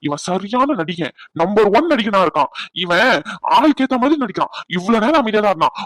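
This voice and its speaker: A grumbling, exasperated young dad. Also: male voice, very high-pitched, a bit bright, no echo, heavily acted. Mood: defensive. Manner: exasperated, ranting, comically aggrieved. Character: grumbling young father bickering with his baby son. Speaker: father. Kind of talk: cartoon comedy dubbing.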